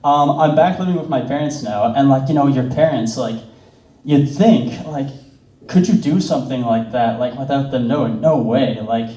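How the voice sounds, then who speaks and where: A man's voice: medium pitch, moderate pace, warm tone. A young man telling stand-up stories in a rambling way, full of fillers, laughing at his own jokes. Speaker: stand-up comedian. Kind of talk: stand-up storytelling. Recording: roomy, distant mic.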